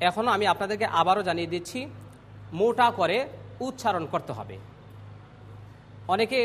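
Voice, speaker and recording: A man teaching Quran pronunciation, drilling letter sounds slowly and clearly and calling on students to repeat after him. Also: high-pitched, fairly bright tone, long reverb tail, a little hiss or hum. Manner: slow, clear drilling of letter sounds with call-and-response prompts. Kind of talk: classroom pronunciation lesson.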